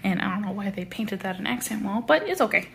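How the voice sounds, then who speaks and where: A woman's voice: animated, quick pace, gravelly, a bit bright. A woman in a casual, rambling home tour, filmed handheld in a new house, tired after moving. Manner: chatty, rambling, coos at her pets in a high baby voice. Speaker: vlogger giving a home tour. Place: inside a newly moved-into house. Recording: noisy home recording.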